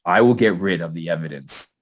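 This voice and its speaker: A man voicing a shady male professor who talks like a stereotypical gangster wise guy, low and muttering. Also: a little fast. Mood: menacing.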